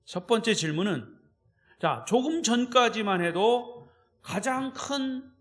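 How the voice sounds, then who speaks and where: High-voiced, emphatic male pastor preaching. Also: a bit bright. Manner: emphatic, checks in with listeners with "예?". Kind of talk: evening service sermon.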